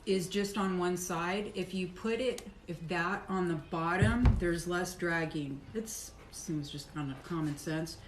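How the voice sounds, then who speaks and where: A woman's voice: lowish voice, measured pace, hardly any pauses. Woman, live-stream soap maker, rambling casual chat, noisy background. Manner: chatty, rambling, talks while chewing and working. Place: home soap workshop. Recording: echoey room with clear background noise.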